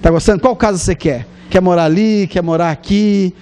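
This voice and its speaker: A man's voice: sits high, brisk, warm tone, lightly acted. A man with a Brazilian Portuguese accent playing God, who cheerfully shows a man around heaven in a sermon story. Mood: coaxing. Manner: cheerful, coaxing.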